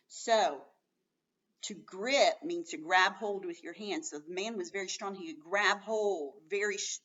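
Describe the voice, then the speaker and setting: Reading aloud to a class of children, a woman teacher explains in simple words and adds comments as she goes, her voice lowish and a touch bright. She's recorded far from the microphone, with a dull tone.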